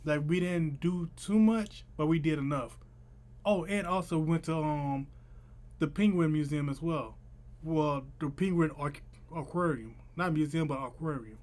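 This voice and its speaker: Young male vlogger, voice a bit high, slushy sh-like lisp, casual slangy storytelling. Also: normal speed, a little mellow. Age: young adult. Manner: informal, chatty, slangy delivery. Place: small room at home.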